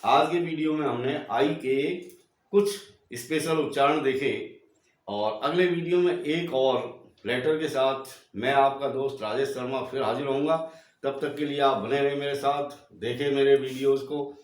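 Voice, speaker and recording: A man teaching English pronunciation in a slow lesson, spelling out words letter by letter and then saying them, and addressing the viewers as dear children. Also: mid-range voice, distant mic. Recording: very echoey room, voice away from the mic.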